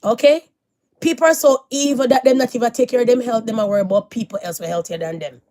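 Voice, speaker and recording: A woman's voice: a little high, fast talker. Emphatic woman preaching to viewers. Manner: emphatic and moralizing, repeats phrases, swings from loud to hushed. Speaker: vlogger. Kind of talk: casual preachy monologue to viewers.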